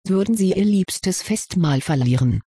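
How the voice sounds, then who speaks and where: A reader voicing an old, wise male headmaster wizard who explains things calmly, in an audiobook reading. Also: medium pitch, a little slow, husky, dry recording, clean studio sound.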